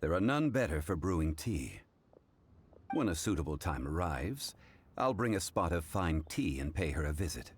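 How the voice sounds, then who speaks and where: Learned game gentleman, low voice, formal, courteous, expressive intonation. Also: a little hiss or hum. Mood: composed. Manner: formal, measured, deliberate phrasing. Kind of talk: video game dialogue.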